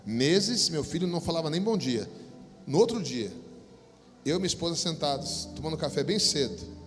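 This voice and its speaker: A middle-aged Brazilian man preaching a sermon as pastor, swelling into bursts and then dropping low to tell a story. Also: lively intonation, moderate pace, soft background music. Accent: Brazilian Portuguese. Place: church hall. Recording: long reverb of a church hall.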